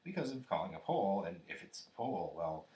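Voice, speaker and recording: A man voicing a brisk, self-assured rabbit who talks emphatically in a storybook reading. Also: deep voice, very animated, warm tone, echoey room. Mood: emphatic musing.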